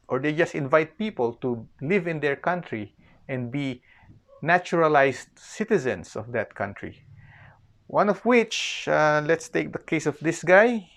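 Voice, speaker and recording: A man from the Philippines gives an informal history lecture in a Filipino accent, explaining things in a voice that's a little high with some vocal fry. He repeats phrases for emphasis and keeps checking in with "okay."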